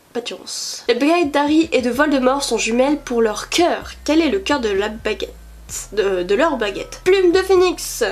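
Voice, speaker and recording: A French woman thinking aloud through a quiz, chatty and often hesitating over her guesses. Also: a little high. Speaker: YouTuber doing a quiz. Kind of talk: casual quiz commentary.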